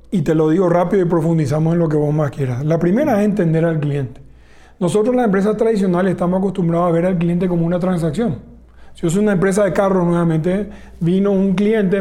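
A man's voice: sits high, brisk, warm tone. A man, a telecom executive in a business interview, laying out his points one by one. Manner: explains point by point, enumerating pillars.

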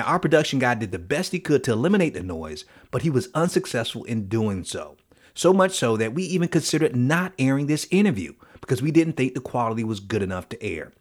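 A man hosting a podcast in an upbeat, scripted style with emphatic, motivational delivery. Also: medium pitch. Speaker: podcast host.

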